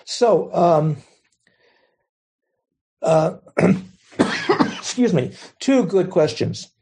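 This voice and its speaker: A man, a Zen teacher, giving a gentle, thoughtful dharma talk and taking questions. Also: sits high, expressive, extremely slow, breathy edge.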